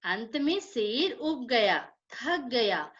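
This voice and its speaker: A woman's voice: fairly high pitch, big pitch swings, very slow, fairly bright tone, highs cut off. A woman teacher reading a story aloud to children, explaining it and asking and answering her own questions.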